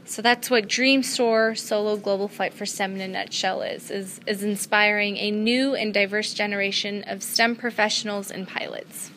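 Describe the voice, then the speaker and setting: A woman's voice: medium pitch, fairly even intonation, moderate pace, few pauses, a bit bright, a little hiss or hum. A young woman from Afghanistan, a student pilot, answering interview questions earnestly with frequent ums and uhs. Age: young adult. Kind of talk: interview answers at a trade show. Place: convention floor.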